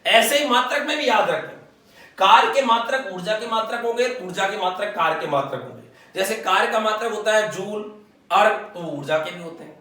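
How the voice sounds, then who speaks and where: A man teaching physics in a high, bright voice, putting each question to the class and then giving the answer himself in a low murmur. The room rings with strong echo, and he sounds set back from the microphone. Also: lively intonation, fairly quick, recorded from a distance. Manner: repeats key questions and answers them himself; drops to a low quiet voice on answers. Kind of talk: whiteboard exam-prep lecture. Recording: echoey room, voice off-mic.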